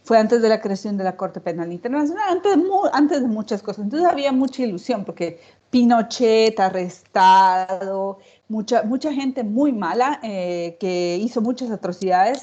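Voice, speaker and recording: A woman's voice: mid-range voice, lively intonation, normal speed, mellow. A woman speaking off the cuff as a panelist, emphatic, building her points with repeated phrases. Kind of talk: unscripted public talk. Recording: dull, lo-fi audio.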